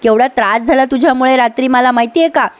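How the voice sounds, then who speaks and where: A woman voicing a sharp-tongued young wife who teases and needles her husband. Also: high-pitched, fast, lightly acted. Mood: teasing. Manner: mocking, needling.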